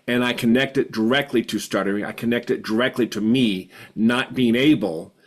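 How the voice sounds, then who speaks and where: A man in his fifties who stutters shares earnestly and reflectively with a support group on a video call, repeating words for emphasis. His voice is mid-range and his pace moderate.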